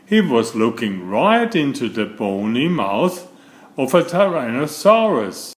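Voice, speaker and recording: A man narrates a picture book for young children in a roomy, echoing space. His delivery is slow and deliberate, with a lively, expressive rise and fall in his pitch.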